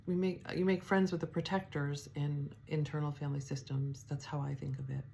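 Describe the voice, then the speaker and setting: Low-voiced woman teaching softly. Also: level tone, gravelly, slight background noise. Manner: soft, unhurried, reflective with fillers and restarts. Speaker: spiritual teacher. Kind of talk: devotional teaching talk.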